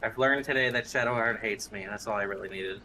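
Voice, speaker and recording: A man's voice: fairly low pitch, fast talker, bright, forceful tone, slight background noise, low-quality recording. A man chatting casually as a co-op gaming partner during gameplay.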